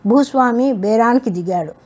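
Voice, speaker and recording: A woman narrating a folk tale in a steady, measured storytelling manner. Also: fairly high pitch.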